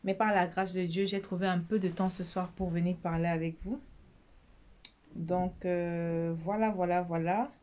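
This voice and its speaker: A woman's voice: on the low side, a little slow. Chatty Cameroonian woman, muffled recording. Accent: Cameroonian French. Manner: chatty, repeats herself, lively asides. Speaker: bridal shop owner. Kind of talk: casual promotional vlog.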